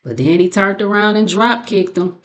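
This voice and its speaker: With a medium-pitched voice at a normal speed, this American woman runs a commentary channel as host and narrator. She recaps gossip casually, in a colloquial tone that's sassy and mocking.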